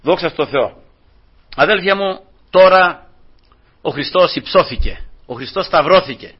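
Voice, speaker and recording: A man preaching a sermon, fervent and husky, swinging between loud and soft, often calling out to his brothers. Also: fairly high pitch, animated, muffled recording. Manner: fervent, rising and falling in loudness, repeating "brothers".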